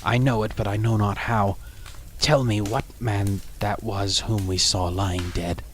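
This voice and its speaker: A man's voice: fairly low pitch, fairly even intonation, measured pace, close to an everyday voice. A man voicing a frightened old miser who pleads in a formal, theatrical way in a storybook reading, with noise behind him. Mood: uneasy, urgent.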